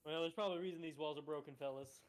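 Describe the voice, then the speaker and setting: A man at a tabletop game, talking quickly with a somewhat high voice. He needles his friends, jokes constantly and swears freely in loose banter. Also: fairly even intonation. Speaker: player.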